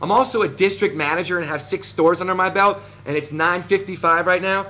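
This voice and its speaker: A man's voice: high voice, brisk, pushed and bright. A man in his thirties with a New Jersey accent, ranting combatively to camera with lots of fillers. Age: 30s. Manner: combative, boastful, many fillers. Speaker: vlogger.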